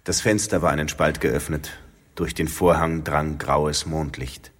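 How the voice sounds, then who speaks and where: A man reading a story aloud in a calm, measured narration. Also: extremely low pitch, breathy edge, big-room sound. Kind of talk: scripted narration.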